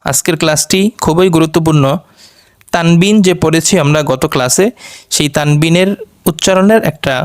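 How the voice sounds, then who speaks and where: A man teaching Quranic pronunciation in a Bangladeshi Bengali accent, slowly drilling syllables in repeated pairs. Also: on the high side, no echo, clean studio sound. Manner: slow, measured, repeating each sound in pairs.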